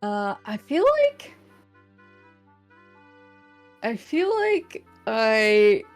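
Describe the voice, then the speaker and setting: A New England woman appears as a guest vtuber on a chat show, speaking in a fairly high, very animated voice. She chats casually, giggles a lot, halts and keeps restarting her sentences. Faint music plays behind her.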